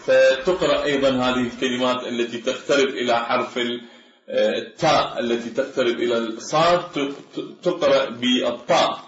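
A man delivers a measured academic lecture, pausing to carefully pronounce example words. The recording is roomy and echoey, with a dull, lo-fi tone. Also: medium pitch, a little hiss or hum. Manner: measured, explanatory, slows to sound out example words. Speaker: Arabic language lecturer.

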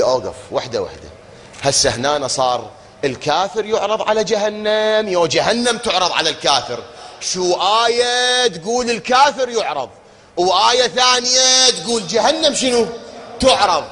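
A man with an Iraqi accent giving a religious lecture to an audience, firing rhetorical questions, chanting verses slowly and breaking into shouts. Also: high voice, slight background noise. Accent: Iraqi Arabic. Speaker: preacher. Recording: long reverb of a hall.

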